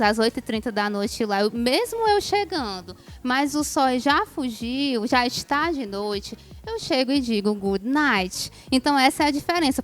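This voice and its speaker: Teacherly woman explaining. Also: high voice. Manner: clear, teacherly, patiently explaining. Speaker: English teacher, show guest. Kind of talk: explanatory interview answers.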